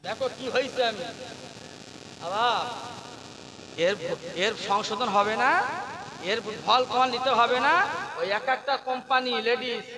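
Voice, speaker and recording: A man's voice: very high-pitched, fairly even intonation, a little slow, pauses often, low-quality recording. A man preacher, giving a rousing waz sermon to a gathering and bantering with the crowd through rhetorical questions. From Medinipur, West Bengal, India. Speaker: Islamic preacher. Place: outdoor religious gathering with a crowd. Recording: crowd noise behind the preacher.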